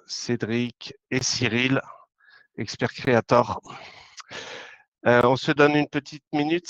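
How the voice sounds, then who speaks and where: A man hosting a webinar on a video call, casual and halting, with many fillers. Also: fairly low pitch, no room sound. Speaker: webinar host. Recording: dull lo-fi call audio.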